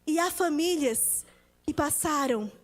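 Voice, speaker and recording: A woman in her thirties preaching a church sermon, impassioned, swinging between soft and loud. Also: sits high, takes it slowly. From Paraná, Brazil. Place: church service.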